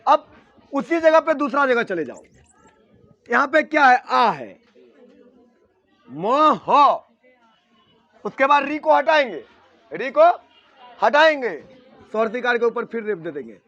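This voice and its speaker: A man's voice: extremely high pitch, sing-song, slow, long pauses, sharp tone, no echo, dull audio. A man teaching a grammar lesson at a board, repeating key words and often checking whether his students understand.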